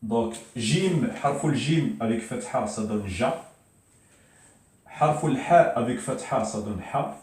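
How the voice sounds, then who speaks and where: A man gives a slow, patient lesson at a board and repeats each syllable with frequent hesitations. His voice is mellow and unhurried. It echoes heavily around the room and is picked up from some distance away. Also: medium pitch, animated. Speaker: Arabic teacher.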